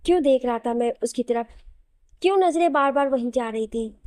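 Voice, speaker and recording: Lady doing a brooding troubled young guy, dark mellow tone, dry. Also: high voice, fairly quick, no echo, lightly acted. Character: brooding, conflicted young man.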